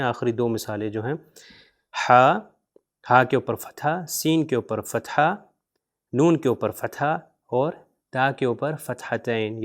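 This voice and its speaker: A man teaching beginners to read, spelling out letters and vowel marks slowly, repeating each word and mixing in English terms. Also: mid-range voice. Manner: mixes English words into his teaching. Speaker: Quran reading teacher. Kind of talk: spoken lesson.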